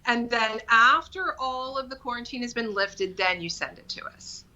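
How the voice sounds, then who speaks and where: Give me a woman with an extremely bright, sharp-edged voice, chatting as a guest. She explains products in friendly detail and keeps things light. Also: a little high, moderate pace, muffled recording. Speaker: guest, creative director of a nail polish brand. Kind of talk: casual chat about beauty products.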